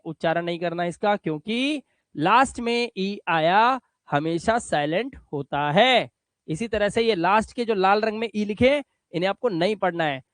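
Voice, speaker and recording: A man teaching English reading rules in a patient classroom style, sounding out example words slowly and repeating them. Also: high voice, no room sound.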